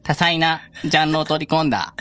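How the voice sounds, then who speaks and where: A stiff, overly polite male robot recites formal, scripted answers in a flat delivery, as a man puts on the voice. The pace is slow and measured. It is part of a comedy skit on a radio show. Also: a little high, no room sound. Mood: recitative.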